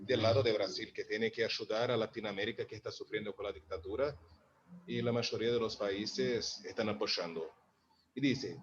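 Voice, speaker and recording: Man explaining song lyrics, lo-fi. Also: mid-range voice. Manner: explains line by line, checking in with "¿sí?". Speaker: Spanish-language teacher analysing song lyrics. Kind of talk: explanatory lesson, reading lyrics aloud. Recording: dull lo-fi sound with faint noise.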